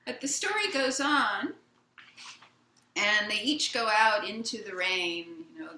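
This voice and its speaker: A woman Zen teacher giving a gentle, unhurried dharma talk in a meditation hall, retelling a children's picture book for her listeners. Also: medium pitch, slight background noise. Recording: roomy hall sound.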